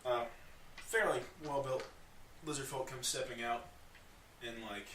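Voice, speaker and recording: A man's voice: medium pitch, steady tone, normal speed, far from the mic, noisy background. A man narrating as dungeon master in a loose, chatty way, full of fillers, recorded in an echoey room away from the mic. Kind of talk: narrating a tabletop game.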